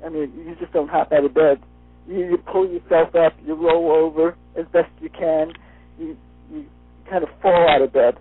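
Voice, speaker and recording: A man wearing a retainer as he talks, giving a personal testimonial as an interview guest over the phone. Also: on the high side. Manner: talking with a dental appliance in the mouth, like wearing a retainer. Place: phone call. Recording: muffled phone line, faint music behind.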